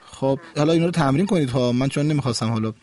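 A man's voice: mid-range voice, darkish tone. A man hosting a call-in radio lesson, patiently correcting callers' Quran pronunciation. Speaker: radio host and Quran recitation teacher.

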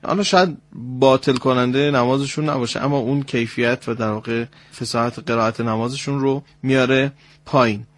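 A man hosting a radio program, calmly correcting a caller's recitation and demonstrating sounds. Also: mid-range voice, no room sound. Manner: explains points slowly, demonstrates sounds. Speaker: radio host and Quran recitation teacher. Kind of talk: instructional radio talk.

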